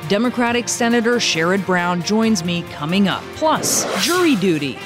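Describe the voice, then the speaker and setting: A woman's voice: medium pitch, lively intonation, normal speed, over music. A woman reading a punchy teaser of upcoming stories for a news show. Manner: punchy headline delivery. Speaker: news anchor.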